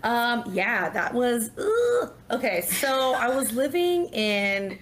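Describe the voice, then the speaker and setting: A woman in her thirties, a podcast guest, telling a personal story in a lively way, acting out what people said and laughing often. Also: fairly high pitch, slow. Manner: animated, acts out quotes, laughs often. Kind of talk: casual storytelling.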